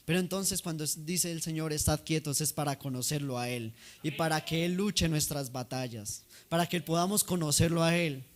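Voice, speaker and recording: A man's voice: fairly high pitch, moderate pace, few pauses. A man preaching a sermon in a conversational way, asking the congregation questions.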